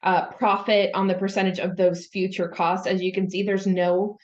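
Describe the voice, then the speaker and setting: A woman's voice: mid-range voice, little pitch movement, moderate pace. Woman presenting webinar slides, lo-fi audio. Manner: conversational, many fillers while explaining. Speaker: presenter on government contract auditing.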